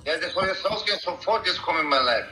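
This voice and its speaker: A man talking over a phone on loudspeaker, curt and demanding. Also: a little high, expressive, quick pace, poor audio. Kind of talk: casual phone call.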